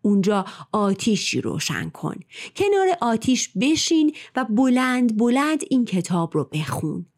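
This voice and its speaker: A woman's voice: a little high, sing-song, a little mellow. A woman voicing a treacherous male vizier from a storybook tale, talking in an urgent, persuading way. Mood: scheming. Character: scheming male vizier, grown man, treacherous.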